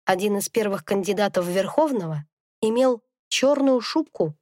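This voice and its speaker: A woman narrating a first-person fantasy audiobook in a calm, reflective storytelling manner. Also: medium pitch, moderate pace, no room sound, studio quality.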